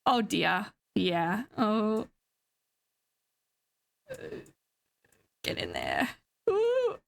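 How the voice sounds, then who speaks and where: A woman's voice: mid-range voice, wildly swooping pitch, extremely slow, creaky, fairly bright tone. A young adult woman streamer in a live-stream gaming chatter, giggly and playfully melodramatic.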